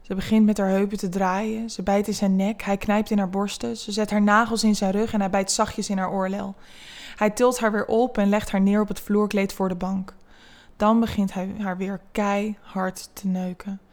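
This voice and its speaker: A woman reads a scripted erotic story aloud at a mid pitch, keeping her delivery calm and unhurried. Her intonation stays narrow and even from line to line. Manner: calm, level, unhurried reading.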